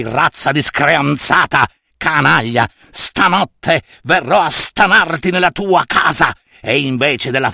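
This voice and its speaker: A man's voice: on the high side, vocal fry, pushed and bright, no echo, studio quality, full character voice. A man voicing a greedy, foul-tempered old uncle in a fairy tale, talking in a blustering, theatrical way.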